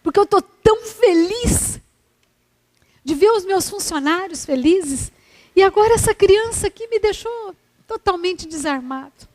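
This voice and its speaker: A woman quoting a middle-aged businessman, touched and humbled, speaking quietly. The voice stays high and close to the teller's own. He sounds softened and emotional. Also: animated, measured pace. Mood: moved. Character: moved middle-aged male industrialist.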